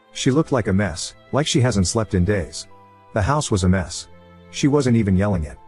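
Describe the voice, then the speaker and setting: Fast-reading man narrating stories. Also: on the low side, darkish tone, slightly rough. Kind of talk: reading online stories aloud.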